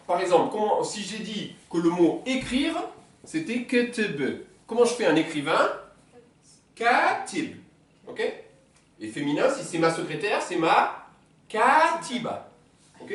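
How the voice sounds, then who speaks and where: A teacher giving a beginner's language lesson in a classroom, patiently repeating words slowly and checking that students follow. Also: mid-range voice. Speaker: Arabic teacher. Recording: roomy sound from a distant mic.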